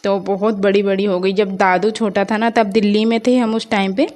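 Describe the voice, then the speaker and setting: A woman's voice: mid-range voice, level tone, moderate pace, darkish tone. Young indian woman rambling on about her day, casual vlog voiceover, lots of fillers. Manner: rambling, chatty, heavy use of fillers. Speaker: vlogger. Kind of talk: casual voice-over vlog narration.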